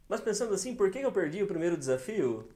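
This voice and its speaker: A man's voice: high-pitched, dark tone, reverberant. A man who is a seminarian, a guest on a casual chat show, good-humored and self-deprecating.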